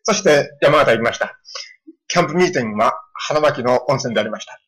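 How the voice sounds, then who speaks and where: Husky-voiced male pastor telling stories. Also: mid-range voice, fast, poor audio. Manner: storytelling with lively voiced quotes of children. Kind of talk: sermon.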